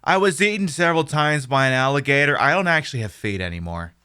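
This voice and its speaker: A man's voice: medium pitch, animated, fast, sharp tone, smooth. A man hosting a casual game livestream with joking, sarcastic, sweary commentary. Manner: sarcastic, profane. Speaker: game streamer, host.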